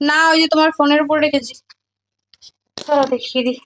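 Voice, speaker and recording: A woman's voice: high-pitched, steady tone, fast talker. A young woman, chatting casually to viewers in a home vlog, often cooing at her child. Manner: chatty, talks baby-talk to her child. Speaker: vlogger. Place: home indoors.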